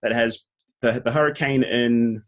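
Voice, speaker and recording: A man with a New Zealand accent, co-hosting a casual debate, talking in rapid bursts with many "like" fillers and restarts. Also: mid-range voice, fairly even intonation. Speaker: co-host.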